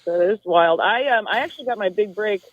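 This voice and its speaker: A news reporter raised in Minnesota, USA, chats as a guest on a casual talk show in a medium-pitched voice at a quick pace. She's talkative, with lots of fillers and self-deprecating asides. It comes through a tinny, dry phone line with no echo.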